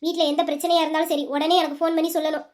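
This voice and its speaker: A woman voicing a firm, protective elder sister who gives steady, commanding instructions in an audio drama. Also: high voice, racing, voice pushed down, natural voice. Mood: reassuring.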